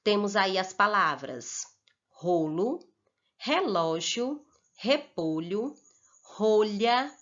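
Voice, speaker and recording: A woman teacher, slowly talking children through a worksheet and checking in with "ok?". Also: medium pitch, sing-song, a bit bright. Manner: slow and deliberate, checks in with "ok?". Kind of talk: slow, patient worksheet instruction for children. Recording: dull lo-fi recording.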